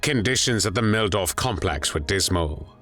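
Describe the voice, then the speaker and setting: A man reading scripted documentary narration in a grave, measured way. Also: sits low, expressive, fairly bright tone. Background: faint music.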